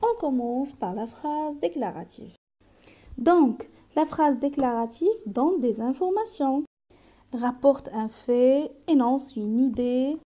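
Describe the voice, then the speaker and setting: Woman teacher going through grammar slowly, high mellow voice, careful explaining. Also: expressive. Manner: slow, careful explaining with example sentences. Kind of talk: grammar lesson.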